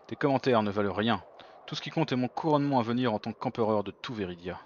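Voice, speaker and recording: A man's voice: medium pitch, animated, fast, lo-fi sound, slight background noise, close to an everyday voice. A man voicing a scheming, haughty prime minister in a fantasy game, condescending and declamatory. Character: scheming, haughty male prime minister hungry for an emperor's crown.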